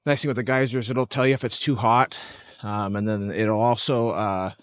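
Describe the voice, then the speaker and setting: A man vlogging casually from a lakeside campsite, talking in a relaxed, rambling way with lots of hesitations. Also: fairly low pitch, normal speed, no room sound. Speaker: camping vlogger. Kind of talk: casual outdoor vlog.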